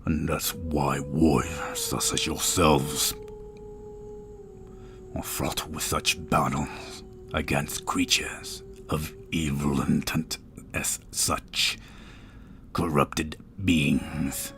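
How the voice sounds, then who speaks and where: A man voicing an ancient, stern stone statue of a warrior god in a fantasy tabletop game, with a deep breathy rumble and slow, weighty speech like a talking tree. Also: flat delivery, music in the background, full character voice. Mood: solemn.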